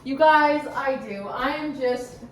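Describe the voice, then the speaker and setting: A woman's voice: high-pitched, slow, distant mic. Chatty woman vlogging in an echoey kitchen. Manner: chatty, self-described dramatic, laughs often. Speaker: stay-at-home mom vlogger. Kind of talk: casual chat to camera. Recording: echoey room, voice off-mic, faint background noise.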